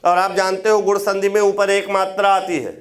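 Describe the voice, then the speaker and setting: Delivering a Hindi grammar lecture for exam preparation, a man with a fairly high, level voice speaks at a moderate pace. He walks through each step, repeats key terms for note-taking, and keeps adding short tag questions to check on students.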